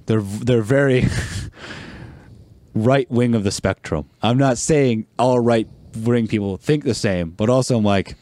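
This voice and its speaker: A man's voice: medium pitch, slow, mellow, no room sound. A man guest on a podcast, chatting casually and bluntly, rambling with frequent laughs. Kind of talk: casual chat.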